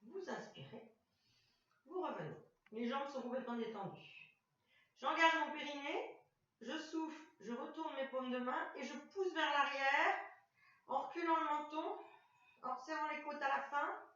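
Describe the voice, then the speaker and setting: A woman leading a chair exercise class, calmly cueing each movement step by step and repeating commands. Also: high-pitched, a little slow, long pauses. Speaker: fitness instructor. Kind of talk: guided exercise class instruction. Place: room with a chair and mat. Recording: echoey room, voice far from the mic, dull sound.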